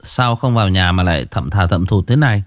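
A man's voice: low voice, animated, fairly quick, no room sound, clean studio sound. A man doing a flustered young shaman. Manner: flustered, hesitant. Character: young male village shaman, flustered, swaggering.

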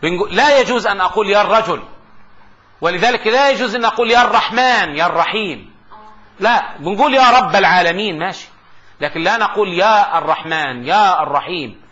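A man giving a classroom lecture on grammar. He asks the class rhetorical questions and slowly recites his examples. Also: high voice, expressive, sharp tone. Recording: dull lo-fi lecture recording.

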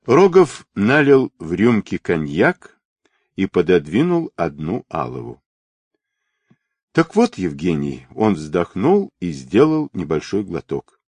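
A man reading a novel aloud as an audiobook narrator, voicing all the characters in a lively, dramatic way. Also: takes it slowly, dry recording. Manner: lively, dramatic reading with wide swings in pitch.

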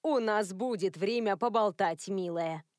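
A woman voicing a prim, controlling elderly woman who is a werewolf grandmother, lecturing in a cold, even tone. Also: mid-range voice, a little slow, no room sound, clean studio sound, natural voice. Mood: stern.

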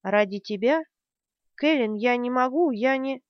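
A woman's voice: on the high side, measured pace, no echo, muffled recording, close to an everyday voice. A woman reading the part of a desperate young man who pleads in tears, in an audiobook character reading. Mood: protesting. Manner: pleading, tearful.

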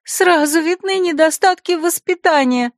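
A woman voicing a spoiled, tearful young female secretary who stammers and whines in a squeaky voice. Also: a little slow, no echo, studio quality. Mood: whiny.

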